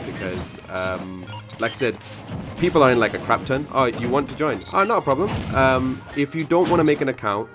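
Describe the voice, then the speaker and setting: A man's voice: mid-range voice, expressive, a little fast. A man hosting a live game tournament stream, chatting casually with viewers, rambling with many fillers and self-corrections. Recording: game music playing behind.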